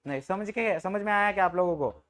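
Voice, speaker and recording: A man's voice: high voice, a little fast, fairly bright tone. A man teaching an English grammar class in Hindi, joking with students and often checking if they understood. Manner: jokes with the class, informal and teasing.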